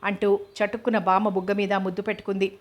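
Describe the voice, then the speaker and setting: A woman reading a novel aloud as narrator, in a steady, even storytelling manner. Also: mid-range voice, quick pace.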